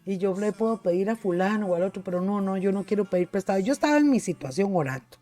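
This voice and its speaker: A woman's voice: medium pitch, lively intonation, fast talker, dark tone. A middle-aged woman pastor with a Costa Rican accent, preaching a sermon and telling a personal testimony with fervor, often addressing her listeners as brothers and sisters. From Costa Rica. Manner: fervent storytelling, calls listeners brothers and sisters.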